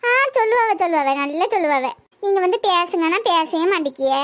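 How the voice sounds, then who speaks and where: A woman's voice: very high voice, lively intonation, fairly quick. A woman voicing a chatty young village woman in love, with a Tirunelveli Tamil accent, for a cartoon comedy. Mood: teasing. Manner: teasing, chatty.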